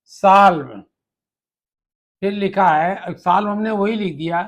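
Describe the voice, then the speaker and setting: High-pitched, slow-speaking male math teacher. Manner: patient, step-by-step explaining, spelling words out letter by letter. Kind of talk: classroom lesson explanation.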